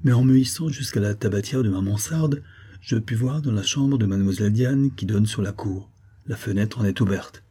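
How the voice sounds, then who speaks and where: A man's voice: fairly low pitch, moderate pace, warm tone, breathy edge. A man voicing a cheeky, curious young apprentice printer who chatters and gossips in an audiobook reading. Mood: eager.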